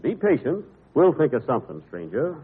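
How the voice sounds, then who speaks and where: Desert homesteader: mild, folksy, wildly varied intonation, vintage radio comedy, noisy narrowband recording. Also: male voice, on the high side, huge pitch swings, fairly quick, husky, exaggerated voice. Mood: reassuring. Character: folksy male desert cabin dweller, mild and reassuring husband. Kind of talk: 1940s radio comedy acting.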